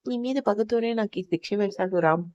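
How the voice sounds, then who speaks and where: A woman's voice: mid-range voice, a little fast, a little mellow, dry recording, close to an everyday voice. A woman voicing a heartbroken young bride who pleads sorrowfully, in a dull lo-fi recording.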